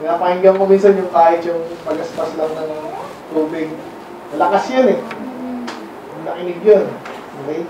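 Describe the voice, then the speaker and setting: A man's voice: fairly high pitch, fairly even intonation, normal speed, pauses often, noisy background. A man from the Philippines giving a conversational sermon as preacher, often stopping to quiz the congregation with questions. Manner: quizzes the congregation with frequent questions. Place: church hall. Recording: very echoey hall, mic far off.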